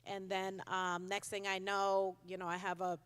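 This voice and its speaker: A woman's voice: mid-range voice, completely flat delivery, normal speed, a bit bright, clean tone. A woman in her fifties from Connecticut, giving a conversational speech at a conference with frequent ums. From Connecticut, USA. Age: 50s. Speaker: keynote speaker, child welfare commissioner. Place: large conference hall with audience. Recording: long hall reverb.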